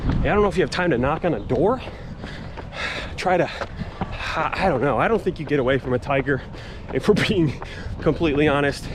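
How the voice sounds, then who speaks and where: A man's voice: a little high, lively intonation, fairly quick, long pauses. A man chatting casually to camera as a self-deprecating, joking vlog host while jogging outdoors. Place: outdoors on suburban streets and paths. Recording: noisy outdoor street recording with traffic.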